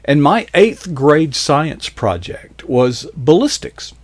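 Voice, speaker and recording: A man's voice: a little high, animated, slow, no room sound. Folksy man telling stories. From American South. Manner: folksy, rambling, laughs through his stories. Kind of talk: casual storytelling chat.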